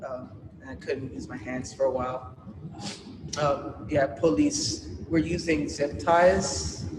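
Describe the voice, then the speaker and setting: A woman from New York, an artist showing her work, speaks in a deep bass voice at a slow pace with background noise behind her. Indoors at an art gallery, she gives a loose, rambling, casual talk about her art, heavy with filler words. The recording sounds echoey, as if captured from far off in a hall.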